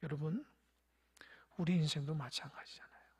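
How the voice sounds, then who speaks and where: A pastor preaching a sermon in church, shifting between loud, emphatic stresses and soft near-whispers, and asking the congregation questions. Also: medium pitch, fairly even intonation, normal speed, husky. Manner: tells parables, asks the congregation questions.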